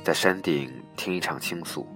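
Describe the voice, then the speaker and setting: A man with a very low voice reads a funny personal story aloud over faint guitar music. His delivery stays dry and deadpan as he tells it. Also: moderate pace.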